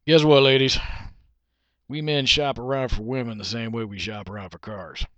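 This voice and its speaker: A man's voice: mid-range voice, fairly even intonation, normal speed, a bit bright, no echo, dull audio. A man delivering a preachy, lecturing monologue that he illustrates with a parable. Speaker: monologue speaker.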